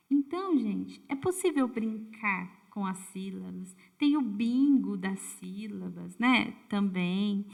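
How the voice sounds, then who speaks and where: A woman's voice: on the high side, vocal fry, a bit bright. A woman giving a casual online lesson, speaking to her viewers with frequent tag questions and self-corrections. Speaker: teacher explaining literacy methods.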